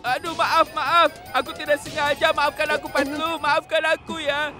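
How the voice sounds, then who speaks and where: High-pitched, hot-tempered plump cartoon man. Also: level tone, normal speed. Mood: apologetic. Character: short plump mustached man, hot-tempered but apologetic. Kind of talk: dubbed cartoon acting. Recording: loud music behind.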